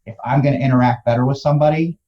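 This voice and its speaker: A man's voice: medium pitch, fairly even intonation, racing, dull audio. A man talking casually as a business guest in a conversation.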